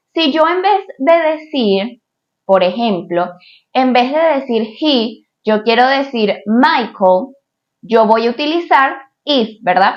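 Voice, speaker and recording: A woman's voice: a little high, highs cut off. A woman teaching an English grammar lesson for Spanish speakers, patiently repeating points and checking in with the viewer. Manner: says English examples slowly, twice.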